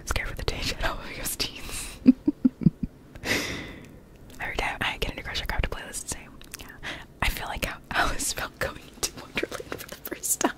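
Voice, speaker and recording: A young woman in her late teens whispering close to a studio mic in her bedroom, reading chat messages aloud and answering them in whispered live-stream chat. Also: moderate pace. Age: young adult. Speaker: ASMR streamer. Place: bedroom with plush toys, indoors. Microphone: studio mic close in front.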